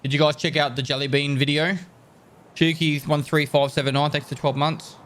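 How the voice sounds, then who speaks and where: Australian guy on a livestream headset mic, laid-back streamer voice, halting and easygoing. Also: a little high. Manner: relaxed, trailing off with hesitations while thanking viewers. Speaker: gaming streamer. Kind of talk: casual livestream chat while gaming.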